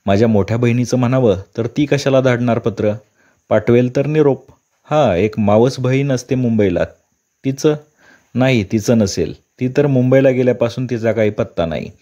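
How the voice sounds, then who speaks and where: A man narrating a story aloud in a calm, steady storytelling manner. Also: mid-range voice, moderate pace. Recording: dull lo-fi recording.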